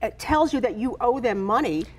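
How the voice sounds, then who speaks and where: A woman's voice: a little high, expressive, moderate pace, slightly rough. A woman hosting a promotional interview, conversational and emphatic, speaking directly to her audience. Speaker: TV or radio host.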